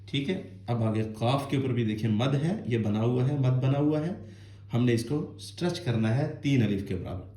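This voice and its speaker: A man from Azad Kashmir, Pakistan, teaches children to read the Quran, explaining patiently and stretching each letter sound in melodic recitation. His mid-range voice is warm and sounds reverberant.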